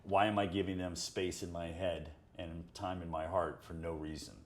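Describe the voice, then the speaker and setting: A man's voice: low-pitched, little pitch movement, normal speed, slight background noise. A man co-hosting a podcast, talking in a reflective, reassuring casual chat. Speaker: podcast co-host.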